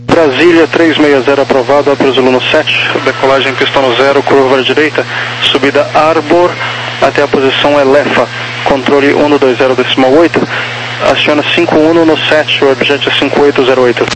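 A man working as an air traffic tower controller, giving clipped procedural clearances over crackly aviation radio. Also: mid-range voice, fairly even intonation, fairly quick. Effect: crackly two-way aviation radio.

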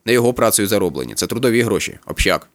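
A man reading a story, voicing a gruff male factory worker who talks in a conspiratorial, matter-of-fact way. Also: on the low side, very animated, racing, a bit bright, no room sound.

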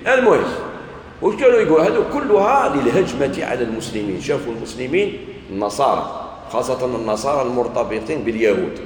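A man from Algeria with an Algerian Arabic accent, preaching a sermon lecture and telling stories with acted-out dialogue. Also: fairly low pitch. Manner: animated storytelling, acts out dialogues. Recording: echoey hall, faint background noise.

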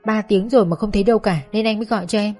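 A woman's voice: medium pitch, fairly even intonation, very fast, mellow, soft background music, natural voice. Brief: worried ex-husband, troubled and explaining; female narrator voices him. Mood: anxious. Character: anxious ex-husband and father.

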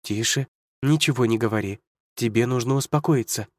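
A kind woman who speaks gently and soothingly, as a male narrator puts her on. Her words come calm and slow. The sound is close and dry. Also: medium pitch, no echo, lightly acted.

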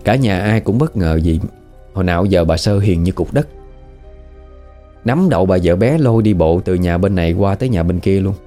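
Man, Southern Vietnamese accent, low voice, chatty horror storyteller, faint music behind. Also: animated, normal speed, warm tone. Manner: chatty, conversational, asks the listener questions. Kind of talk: casual spoken horror storytelling.

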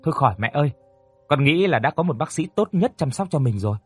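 A man voicing a timid young woman speaking softly and politely from a hospital bed. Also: a little high, sing-song, quick pace, breathy edge, no echo, faint music behind. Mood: reassuring. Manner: soft, shy, polite.

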